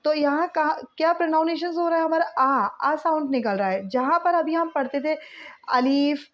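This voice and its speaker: A woman's voice: high-pitched, normal speed, muffled recording. A woman teaching an online language lesson, patiently drilling letters and sounds one by one. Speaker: Urdu teacher.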